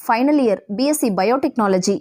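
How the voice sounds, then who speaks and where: A woman's voice: a little high, lively intonation, moderate pace, darkish tone, close to an everyday voice. A woman voicing an enthusiastic, chatty young female student in an audio novel. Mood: eager.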